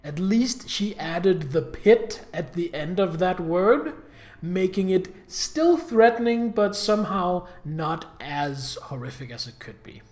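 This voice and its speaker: A man's voice: a little high, lively intonation, slow, few pauses. A man giving casual, off-the-cuff commentary as he streams a video game.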